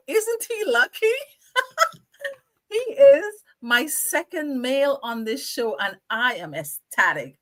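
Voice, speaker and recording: A bright-voiced middle-aged woman from Guyana hosts a live online chat show. She talks with eager enthusiasm and gushing praise, often breaking into laughter. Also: mid-range voice. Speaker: show host.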